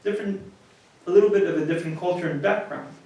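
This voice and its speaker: A priest from the United States speaks quickly about marriage, his fairly high voice warm in tone. He keeps it plain and conversational, restarting and repeating words. Recorded from a distance, his voice reverberates through a very echoey room.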